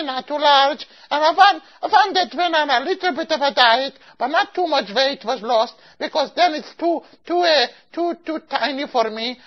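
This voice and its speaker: Woman doing a high-voiced picky old matchmaker lady, broken english with yiddish bits, kinda muffled recording. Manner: picky, insistent, repeats herself. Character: fussy older woman customer and matchmaker. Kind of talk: amateur comic storytelling skit. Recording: dull lo-fi recording.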